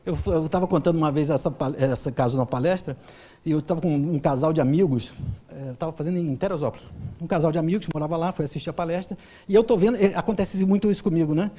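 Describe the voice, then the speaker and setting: A man's voice: on the high side, fast talker. A Brazilian man, a therapist, giving a lecture, telling client stories and acting out their voices. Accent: Brazilian Portuguese. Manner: animated, acts out clients' voices. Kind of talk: lecture with storytelling.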